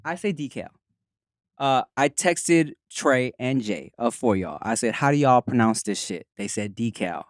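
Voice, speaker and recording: A man's voice: mid-range voice, expressive, unhurried, hardly any pauses, dry recording, clean studio sound. A man with a Los Angeles accent hosting a casual, slangy podcast chat. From Los Angeles, USA. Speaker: podcast host.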